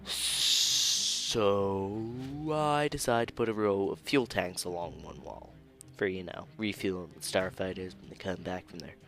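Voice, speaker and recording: A man's voice: sits low, a little slow, sharp tone, soft background music. A young man casually narrating his own 3D modeling build, laid-back and self-deprecating, chuckling now and then and sounding tired of rerecording. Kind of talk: casual screen-recorded commentary.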